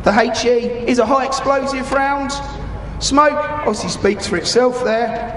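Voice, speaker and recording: Very high-voiced British man announcing in an arena. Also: measured pace, fairly bright tone. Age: 30s. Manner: explanatory, informal announcing to spectators. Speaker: military display announcer. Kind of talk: live arena commentary. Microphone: microphone over public address. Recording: echoey arena PA, crowd and noise.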